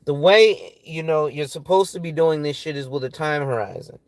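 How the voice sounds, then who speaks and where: A man's voice: on the high side, animated, normal speed, dry recording. A tired man in his forties, a financial advisor talking loosely and profanely through money tips, often checking in with "right?". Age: 40s. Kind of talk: casual talk reading through financial tips.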